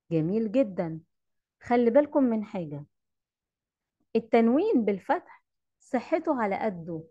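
A woman's voice: a little high, lo-fi sound. A woman teacher with an Egyptian accent, giving an online lesson, patiently repeating rules and quizzing her pupils. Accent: Egyptian Arabic. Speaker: Arabic teacher. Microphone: computer mic in an online class.

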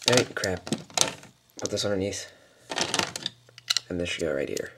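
A man with a very deep voice talks through a build step by step, pausing and muttering as he goes. It is recorded on a camera mic at a home table. A clear hiss of background noise sits under his voice. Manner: relaxed, halting, lots of fillers and mild mutters. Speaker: toy building tutorial maker. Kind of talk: casual step-by-step build instructions. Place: indoors at a table.

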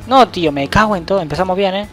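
A young man, giving loose, excitable let's-play commentary and swearing at the game. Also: high-pitched, quick pace, faint music behind. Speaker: gaming channel host.

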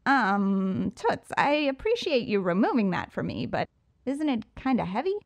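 A woman's voice: fairly high pitch, very animated, a little slow, gravelly, exaggerated voice. A woman voicing a cocky, flamboyant male villain in an audiobook, speaking in a boastful, theatrical way. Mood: gleeful. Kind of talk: audiobook character voice.

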